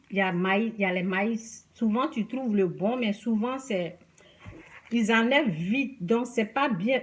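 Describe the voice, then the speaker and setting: A woman from the Ivory Coast with an Ivorian French accent, chatting to camera and telling an everyday story in an animated way, addressing viewers directly. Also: on the high side. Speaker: vlogger.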